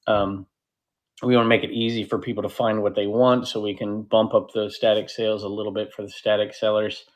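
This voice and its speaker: A man hosting a casual livestream, rambling and interrupting himself, with sudden excited bursts. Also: on the low side, a little fast. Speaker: host of a live selling platform stream.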